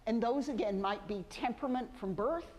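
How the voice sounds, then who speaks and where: A woman's voice: on the high side, fairly quick, a little mellow. Woman professor, casual lecture delivery with self-corrections, recorded in a reverberant hall. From United States. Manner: conversational, self-correcting, with frequent restarts. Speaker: sociology professor. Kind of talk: university lecture. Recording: echoey lecture hall with faint ambience.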